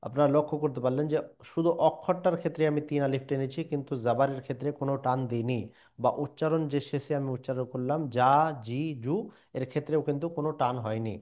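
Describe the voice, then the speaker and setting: A man teaching a Quran reading lesson, drilling syllables slowly with pauses and fillers. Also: medium pitch, steady tone, darkish tone. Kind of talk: recitation lesson.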